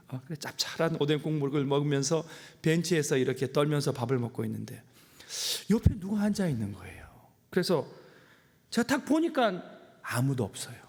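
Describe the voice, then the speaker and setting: A middle-aged man preaching in a church, his fairly high voice rising and falling broadly as he spins a personal story. He mixes humor with emotional moments and leans into each turn of the tale. Long reverb from the sanctuary trails after each phrase. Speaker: pastor. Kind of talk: sermon.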